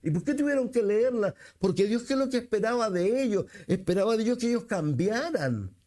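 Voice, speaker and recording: High-voiced Chilean pastor preaching. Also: male voice, animated, a little fast, warm tone. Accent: Chilean Spanish. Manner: repeats himself for emphasis, asks the congregation questions; rises in pitch when quoting scripture. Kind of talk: sermon.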